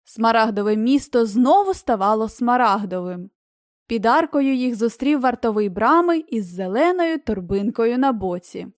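Female audiobook narrator, higher voice, steady fairy-tale reading, dry close mic. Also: moderate pace, dry recording. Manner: even storytelling reading. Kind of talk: scripted narration.

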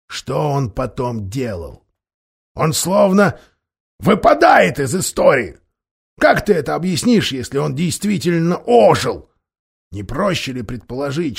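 A man voicing a bitter, defiant male dwarf who sneers and bursts into shouts. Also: medium pitch, vocal fry, breathy edge, heavily acted. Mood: scornful.

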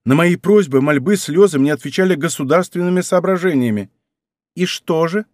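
A man's voice: a little high, normal speed, darkish tone, no echo, natural voice. A man voicing a young king torn between love and duty in an audiobook, speaking with hesitant anguish. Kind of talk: audiobook character reading.

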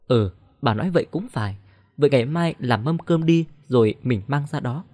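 A man voicing a hesitant, measured older village father. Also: mid-range voice, animated, a little mellow, close to an everyday voice. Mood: cautious.

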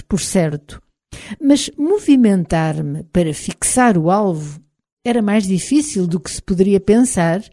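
Female audiobook narrator, European Portuguese accent, low-set warm voice, expressive first-person reading.

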